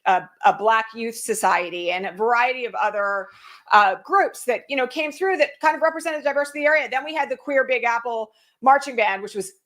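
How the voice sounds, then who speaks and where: A middle-aged woman hosting an online broadcast, telling a story in a casual, animated way with lots of fillers. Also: on the high side, brisk. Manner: animated, heavy use of fillers like "like" and "um"; voice rises sharply when quoting shouted words. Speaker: host.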